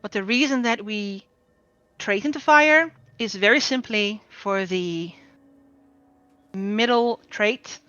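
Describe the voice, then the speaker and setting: A woman runs a training session over group voice chat and explains each choice step by step, filling pauses with ums. Her voice is of middling pitch and comes through a dull, lo-fi mic with no room sound. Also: a bit bright, clean tone, dry recording, faint music behind. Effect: group voice chat audio. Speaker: guild trainer. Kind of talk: game build tutorial.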